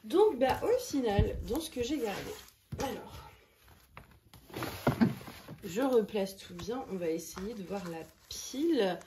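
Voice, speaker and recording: Her mid-range voice is very animated, yet she speaks slowly and pauses often, with noise in the background. She's a crafting vlogger at home, sorting canvases and talking casually to viewers, musing aloud and joking about herself.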